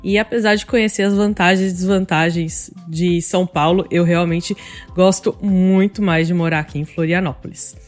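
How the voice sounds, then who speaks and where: A woman in her thirties from Brazil hosting a podcast, reading her lines in a steady, read-aloud way. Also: on the low side, normal speed, faint music behind. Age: 30s. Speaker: podcast host.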